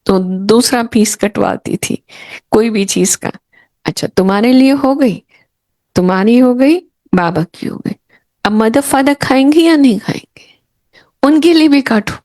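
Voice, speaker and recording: A middle-aged woman sharing childhood memories with a gathering in an unhurried storytelling manner, acting out the voices of her elders and her younger self. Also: on the high side, expressive, a little mellow, no echo. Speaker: spiritual speaker sharing memories.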